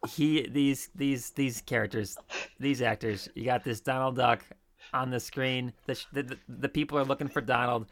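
Male podcast co-host, bright forceful tone, easygoing chat with bursts of animation. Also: mid-range voice, moderate pace. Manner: animated, laughing, acts out quoted lines. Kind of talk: casual chat.

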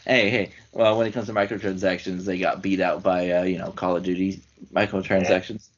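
A man's voice: low voice, level tone, fairly quick, dull audio, slight background noise. A man hosting a casual chat, leading his friends through a list of categories, his voice getting worn. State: losing his voice. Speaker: podcast host.

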